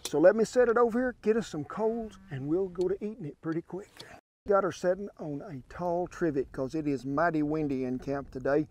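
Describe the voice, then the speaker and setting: Brief Older Southern man in his sixties, folksy cowboy drawl, slightly high voice, demonstrating cooking outdoors on a lapel mic. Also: darkish tone. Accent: Southern US (Oklahoma). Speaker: cooking show host. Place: outdoor ranch camp by a pond, windy. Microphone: wireless lapel mic.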